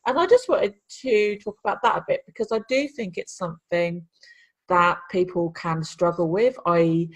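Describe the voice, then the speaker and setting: A woman co-hosts a podcast in relaxed chat, circling back and restarting as she explains. Her voice is husky and sits slightly low. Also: normal speed. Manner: rambling, restarts often. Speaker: podcast co-host, copywriter. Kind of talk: casual chat.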